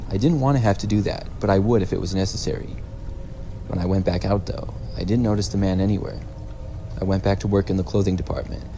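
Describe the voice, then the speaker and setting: Low-voiced, gravelly male story narrator. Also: noisy background. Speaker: narrator of horror stories. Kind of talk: scripted first-person story narration.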